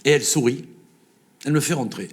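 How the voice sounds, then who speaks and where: A man with a southern French accent, a singer, telling lively anecdotes in an interview and laughing often. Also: medium pitch, fast, breathy edge. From south of France. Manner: lively storyteller, laughs often, acts out dialogue. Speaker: singer guest. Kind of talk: storytelling interview.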